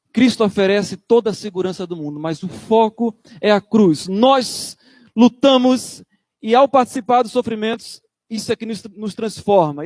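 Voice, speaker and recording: Emphatic high-voiced pastor preaching. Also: male voice, a little mellow, no echo, studio quality. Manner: emphatic preaching, acts out church members in quotes. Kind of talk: sermon.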